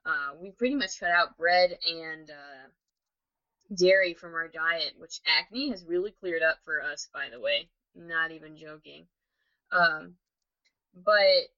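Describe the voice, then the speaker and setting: A woman's voice: fairly low pitch, bright, forceful tone. A woman co-hosting a podcast, chatting casually with lots of "like" fillers. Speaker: podcast co-host. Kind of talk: casual chat. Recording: dull lo-fi sound.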